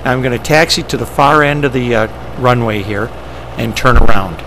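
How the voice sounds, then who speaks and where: Over steady engine and vehicle noise, a pilot with a mid-range voice at moderate pace presents ski flying. He narrates instructions step by step in a matter-of-fact way, often using short, clipped phrases.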